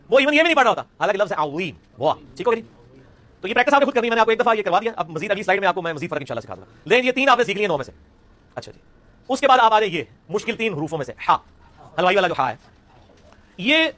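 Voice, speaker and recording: Brief: quick, high-voiced male teacher running an online class, drilling sounds aloud. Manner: demonstrates sounds, repeats them loudly; addresses students by name.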